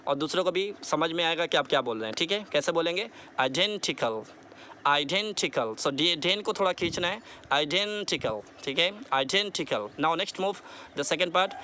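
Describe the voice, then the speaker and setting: A man teaching a spoken lesson, repeating words slowly for practice and mixing into his explanations. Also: fairly high pitch, sharp tone, slight background noise. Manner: mixes English into explanations. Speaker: English teacher.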